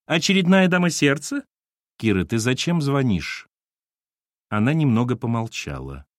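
Here a male audiobook narrator performs scripted narration of a novel, storytelling with expression in a mid-range voice. The recording is dry and of studio quality.

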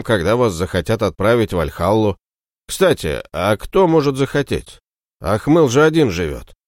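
A man reading an audiobook, voicing a gruff Norse male warrior who grumbles bluntly and is eager for a fight. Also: fairly low pitch, darkish tone, dry recording, clean studio sound.

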